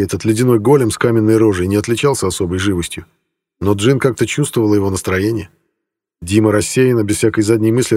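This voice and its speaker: A man reads an audiobook in a low, husky voice and keeps an even storytelling pace. The recording carries a long hall reverb that trails after each phrase. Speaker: narrator. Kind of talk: audiobook narration.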